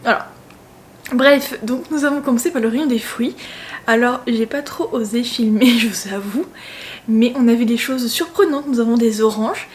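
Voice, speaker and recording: Chatty young woman, fairly high voice. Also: normal speed. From France. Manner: chatty, animated storytelling, playful asides. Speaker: travel vlogger. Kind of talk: casual vlog chat.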